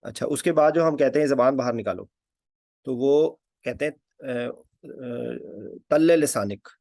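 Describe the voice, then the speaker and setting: A man's voice: mid-range voice, takes it slowly, darkish tone, dry recording, clean studio sound. A man giving an informal spoken lesson. He hesitates often, uses many fillers, and repeats key words. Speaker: anesthesia teacher.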